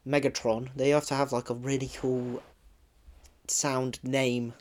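A man's voice: mid-range voice, little pitch movement, a little slow, a little mellow. A man, co-hosting a casual podcast, playful and joking, throwing in silly questions. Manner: jokey, playful questions, mild swearing. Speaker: podcast co-host. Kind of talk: casual chat, joking banter.

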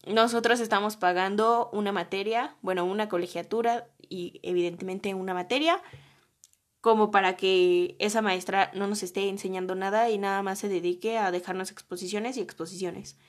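A woman's voice: medium pitch, steady tone, moderate pace. A young woman with a Mexican accent, telling a story about her college days in a chatty way, full of slang and fillers. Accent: Mexican Spanish. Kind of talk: casual storytime.

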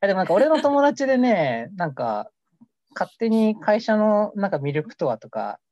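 A young man with a high, very animated voice co-hosts a casual mock radio show as an amateur, rambling and joking at his own expense. He talks at normal speed with a darkish tone. The recording is dry, dull and lo-fi.

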